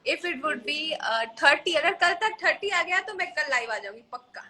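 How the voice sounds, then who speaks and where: A woman's voice: high-pitched, animated, normal speed, pushed and bright. A young woman casually chatting with viewers on a phone live stream, playful and mixing Hindi with English. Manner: chatty, playful, mixes Hindi with English, frequent fillers and laughs.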